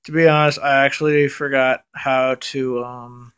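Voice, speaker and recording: A young man talking casually to his vlog viewers after having his wisdom teeth out, mouth packed with gauze, subdued and halting, recorded at arm's length indoors. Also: medium pitch, level tone, fairly bright tone, clear, resonant tone. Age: young adult. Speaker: vlogger. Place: indoors at home, close up. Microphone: phone or camera at arm's length.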